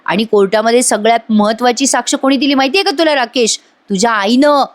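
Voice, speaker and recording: A scheming jailed crime boss coaxing his son toward revenge, as a woman voices him in a serial recap. He speaks slowly and deliberately, in a voice close to her own. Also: fairly high pitch, dry recording, natural voice. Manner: coaxing, vengeful.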